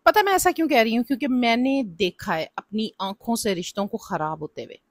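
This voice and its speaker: A woman narrates her family vlog in a fairly high voice. She sounds chatty and gives advice. The recording is dry and close. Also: a little fast, dry recording. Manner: chatty and advice-giving, with frequent "na" and "janab". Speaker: family vlogger.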